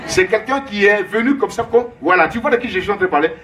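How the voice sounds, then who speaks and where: A man's voice: sits high, lively intonation, quick pace, sharp tone. A man preaching as a prophet, emphatic and repetitive, calling out names and Alléluia in call-and-response.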